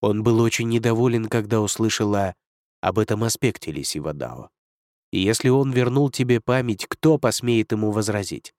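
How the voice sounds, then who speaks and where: A man's voice: fairly low pitch, lively intonation, moderate pace, a little mellow, no echo, clean studio sound, natural voice. A man reading an audiobook, voicing a proud male dragon lord who speaks coldly and curtly. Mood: stern. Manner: cold, curt, commanding.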